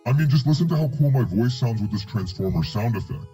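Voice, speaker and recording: A man's voice: medium pitch, animated, fast, warm tone, soft background music, pitched below the performer's own voice. A man reading a sponsor ad with his voice morphed through a robotic voice changer, showing it off. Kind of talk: upbeat sponsor read.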